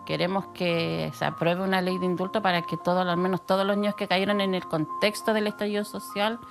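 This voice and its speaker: Gravelly-voiced Chilean mother, matter-of-fact. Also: on the low side, brisk, music in the background. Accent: Chilean Spanish. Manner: steady, matter-of-fact with hesitant restarts. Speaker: guest, mother of a detained youth. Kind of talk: interview answers.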